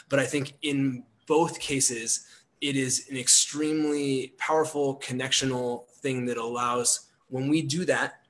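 A man in a radio conversation, talking earnestly and explaining in a measured, promotional way. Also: medium pitch, fairly bright tone.

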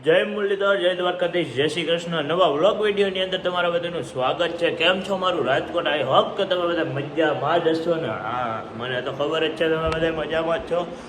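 This chatty male vlogger has a fairly high-pitched voice and speaks at a normal pace, addressing viewers on his phone as he moves through town. Street noise fills the background, and he offers warm devotional greetings.

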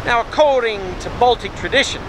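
A man's voice: very high-pitched, a little fast. A middle-aged man raises his voice to be heard over the wind as he presents a travel vlog outdoors. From Australia. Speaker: travel vlogger. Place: outdoors on a windy beach. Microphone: camera at arm's length. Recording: outdoor wind and surf noise.

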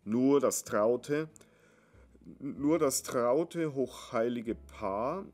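A man calmly reading a Christmas story aloud as storyteller. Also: mid-range voice, very slow.

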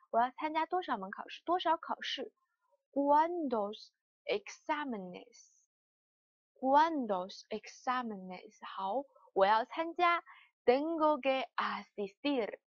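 A woman language teacher giving a lesson, repeating each word slowly for students to follow. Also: high voice, animated, no echo, highs cut off. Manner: slow, repeated word drills.

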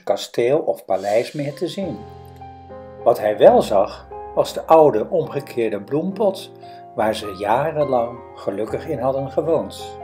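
Calm woman storyteller for a fairy tale, slow and mellow. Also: very deep voice. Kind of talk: reading a fairy tale aloud.

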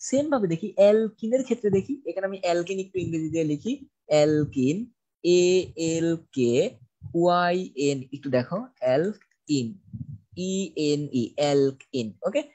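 Male tutor, dark mellow tone, patient drilling style, asks and answers his own questions. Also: high-pitched. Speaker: chemistry tutor. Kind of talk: online class lecture.

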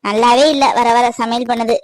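A woman's voice: fairly high pitch, level tone, moderate pace, close to an everyday voice, rough recording. A woman voicing a strict, fault-finding middle-aged stepmother in a cartoon, speaking sharply. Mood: scolding. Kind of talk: cartoon voice acting.

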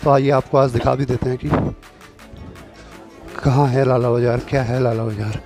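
A man's voice: mid-range voice, fairly even intonation, normal speed, darkish tone. A young man from Uttarakhand, India, with a slightly sore throat, walking through outdoor market streets and chatting to viewers as he guides a tour, recorded on a phone camera with background music. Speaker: vlogger. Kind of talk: walking city tour vlog.

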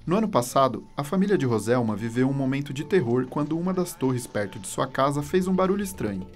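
A man reporting news in a scripted, measured narration. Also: medium pitch, lively intonation. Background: music bed.

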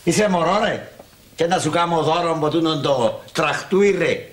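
An actor playing a stingy, grumbling old uncle in a sitcom, speaking with a Cypriot Greek accent and theatrical exasperation. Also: male voice, on the high side, close to an everyday voice. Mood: grumbling refusal. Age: older. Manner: exasperated, theatrical sighing and cursing. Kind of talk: TV sitcom acting.

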